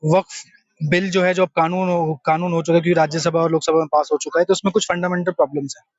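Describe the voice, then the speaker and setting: A man's voice: fairly high pitch, level tone, fast, no echo. A young man giving an earnest, step-by-step explanation in a street interview, mixing in English terms. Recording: dull lo-fi sound.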